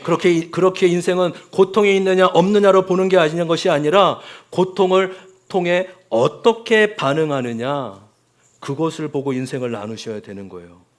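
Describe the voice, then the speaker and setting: Man, pastor, sermon, fairly high voice, addresses the congregation. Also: moderate pace. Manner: preaching with dramatic acted quotes, addressing the congregation often.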